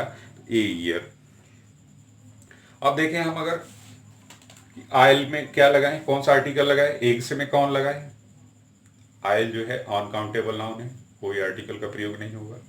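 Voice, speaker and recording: A man explains English grammar in Hindi and steps carefully through example sentences. His voice sits at an ordinary middle pitch. The sound is roomy, with a clear echo around it. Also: steady tone. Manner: slow, deliberate spelling out of examples. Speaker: English teacher.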